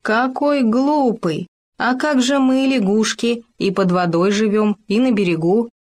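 A woman plays a little green frog from a children's story, high-pitched and slow. She croaks her words out with open mockery. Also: a little mellow. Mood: mocking. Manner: mocking, then coyly modest.

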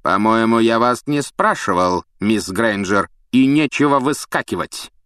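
A man voicing a stern, sneering male potions teacher, speaking in a cold, mocking, drawn-out way in an audiobook. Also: mid-range voice, a bit bright, dry recording, clean studio sound, lightly acted. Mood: scornful. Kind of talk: audiobook character voice.

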